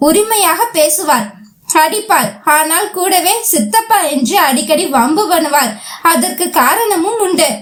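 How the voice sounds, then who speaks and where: High-voiced woman reading a story out loud, echoey room. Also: measured pace. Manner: lively, switches into characters' voices for dialogue. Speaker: audiobook narrator. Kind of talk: storytelling narration with voiced dialogue. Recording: roomy echo.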